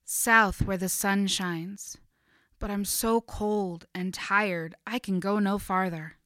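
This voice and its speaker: A woman voicing a small, cold and exhausted female bluebird, speaking weakly and slowly. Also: mid-range voice, sharp tone, clean tone, no echo, clean studio sound, close to an everyday voice. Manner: weak, slow and tired.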